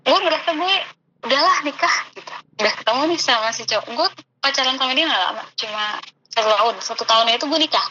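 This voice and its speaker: A woman's voice: high voice, quick pace. Chatty woman, muffled noisy recording. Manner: chatty, uses Jakarta slang. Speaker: guest telling her story. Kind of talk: casual chat. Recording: muffled with clear background noise.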